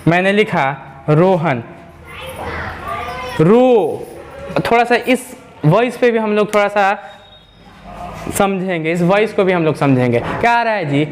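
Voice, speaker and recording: Guy teacher with a high voice, drags out sounds, keeps asking the class questions. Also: a little hiss or hum. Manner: repetitive, drawn-out sounds, asks rhetorical questions. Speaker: English teacher. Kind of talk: classroom lesson explanation.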